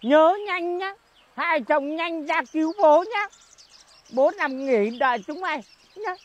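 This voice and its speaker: A man's voice: very high-pitched, a little slow, muffled recording. An actor playing a frail old father on the phone. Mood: pleading. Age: older. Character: frail old village father, stuck and calling for help.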